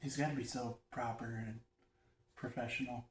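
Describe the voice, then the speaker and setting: A man's voice: mid-range voice, steady tone, normal speed, a little hiss or hum. Blunt, laughing man in an echoey room. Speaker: guest. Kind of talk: casual chat. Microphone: phone across the room, no mic. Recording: echoey room, far from phone.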